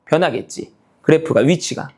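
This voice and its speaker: A man teaching a math lecture, explaining a graph step by step and constantly checking whether students follow with quick tag questions. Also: on the high side, darkish tone. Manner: calls himself teacher, half-casual speech.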